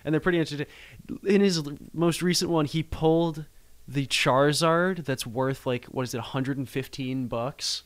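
A man's voice: a little high, normal speed. A man in casual chat, telling stories in a rambling way with lots of fillers. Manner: rambling storyteller with many fillers.

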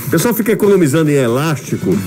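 A man's voice: fairly high pitch, very animated, racing, a little mellow. Muffled man through a face mask. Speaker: sports radio show host. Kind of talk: casual radio sports talk. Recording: studio mic muffled by mask, music bed.

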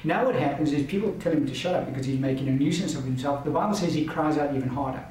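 A man's voice: a little high, quick pace, darkish tone. A man giving a Bible teaching lecture in an earnest, emphatic way, driving points home through repetition. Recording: very echoey, distant mic, faint hiss.

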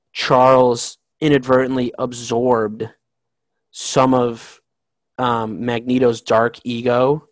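Excitable man rambling about comics, dry sound. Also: mid-range voice, dry recording, poor audio. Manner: rambling, excitable fan talk with many restarts. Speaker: podcast co-host. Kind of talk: casual chat.

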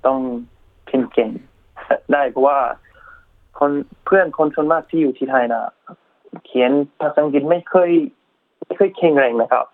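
A man with a mid-pitched voice and an English-speaking foreigner's accent gives casual interview answers. His Thai is non-native and broken, halting and polite, with simple grammar and English words dropped in. The sound is narrow, like a phone line. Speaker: interview guest, YouTuber.

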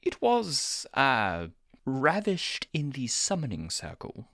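A woman's voice: extremely low pitch, huge pitch swings, slow, fairly bright tone, no room sound, clean studio sound, full character voice. A woman voicing a prim, bookish male angel who talks in a flustered, waspish way.

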